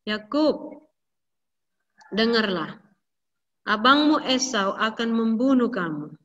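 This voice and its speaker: A woman voicing a worried mother in a children's Bible story, giving urgent, hushed instructions. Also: fairly high pitch, animated, slow pace. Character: worried mother urgently warning her younger son. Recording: distant echoey dull recording.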